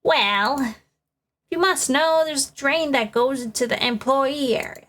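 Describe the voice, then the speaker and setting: Woman doing cranky old lady guard, squeaky high and sharp, gossips and grumbles. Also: measured pace. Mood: grumbling. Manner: fussy, scolding old-lady drawl. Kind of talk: playful voiced reading of game dialogue.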